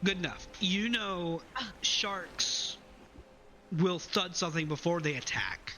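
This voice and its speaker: A man narrating as game master of a tabletop game, calm and descriptive. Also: sits high, slow pace, slight background noise, poor audio.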